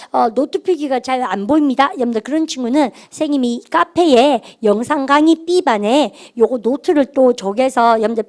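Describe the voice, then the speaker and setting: A middle-aged woman teaching an English grammar class, animated and having students repeat phrases after her. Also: high voice. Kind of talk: classroom lecture.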